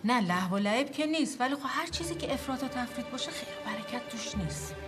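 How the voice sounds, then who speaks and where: An actress playing a mild, hesitant mother who speaks softly at the dinner table, in a film drama with music underneath. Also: on the high side, expressive, natural voice. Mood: cautious. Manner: soft-spoken, hesitant, yielding.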